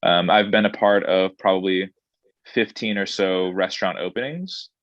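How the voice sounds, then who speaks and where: Restaurant director, man, thirties, low and thoughtful, muffled dry sound. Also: fairly bright tone, no room sound. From born in Saudi Arabia, grew up in Indonesia. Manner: thoughtful, measured, with frequent ums and restarts. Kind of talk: interview answers.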